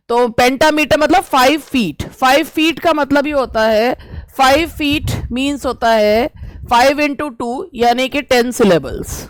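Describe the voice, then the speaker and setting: A woman teacher, reading English exam questions slowly and explaining them at length. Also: sits high, dry recording. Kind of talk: exam-prep lesson.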